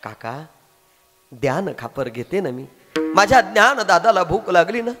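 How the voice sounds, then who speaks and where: A man voicing a small orphan girl who pleads in a soft, hushed voice, in an echoey hall with faint music behind. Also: sits high, big pitch swings, a little slow. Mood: pleading.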